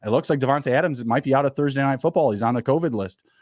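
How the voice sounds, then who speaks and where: Fast-talking man on a dry podcast mic. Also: mid-range voice, a little mellow, dry recording. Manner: quick, upbeat, stat-heavy talk with fillers. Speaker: podcast co-host. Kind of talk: fantasy football podcast chat.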